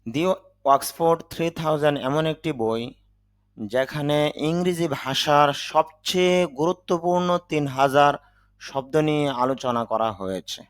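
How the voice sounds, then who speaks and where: Guy doing an english vocab lesson, slow and careful, spells out each sound, dry close mic. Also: on the high side, no room sound. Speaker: English teacher.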